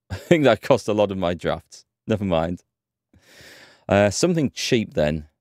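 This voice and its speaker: Mildly sick with a cold, this English streamer in his thirties chats casually and thinks out loud through a headset mic during a let's-play, his North Yorkshire accent clear. The voice is lowish and darkish in tone. There's no room sound; it's studio quality, captured indoors in his home streaming room.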